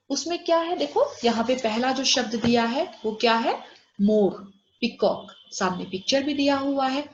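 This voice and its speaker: A woman teaching a Hindi lesson, saying example words slowly and giving their English meanings. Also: fairly high pitch, darkish tone. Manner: explains Hindi words with English glosses, slow drawn-out examples. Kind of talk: online class lesson. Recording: echoey room, dull lo-fi audio.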